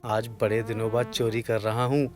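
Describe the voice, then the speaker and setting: A man voicing a clumsy, nervous house thief who mutters to himself in an animated story. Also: lowish voice, moderate pace, faint music behind, natural voice. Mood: sneaky.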